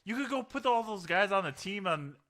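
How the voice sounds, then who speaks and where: A man's voice: sits high, animated, a little fast, pushed and bright. A man co-hosting a sports podcast in casual chat, playfully insisting on his ideas. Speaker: podcast co-host.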